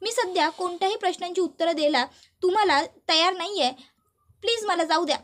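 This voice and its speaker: A woman's voice: very high-pitched, fast talker, a bit bright. A woman voicing a curt, evasive young rich husband in a storybook retelling. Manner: curt, dismissive.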